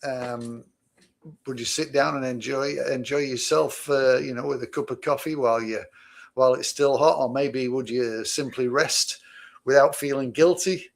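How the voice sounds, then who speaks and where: A man's voice: mid-range voice, steady tone, normal speed, creaky. A man co-hosting a casual podcast chat, asking easygoing rhetorical questions. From Manchester, England. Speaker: co-host, business owner.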